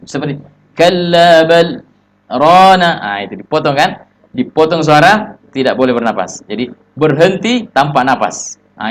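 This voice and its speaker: A man with an Indonesian accent teaching tajwid, explaining in short phrases and slipping into slow chanted recitation. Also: fairly high pitch. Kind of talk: religious tajwid lesson with recited examples.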